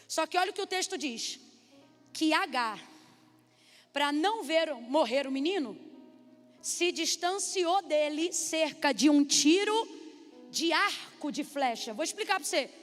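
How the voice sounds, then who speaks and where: A Brazilian woman preaching a sermon, animated and calling out to the congregation. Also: high voice, measured pace, long pauses. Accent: Brazilian Portuguese. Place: church hall. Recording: echoey hall with faint music.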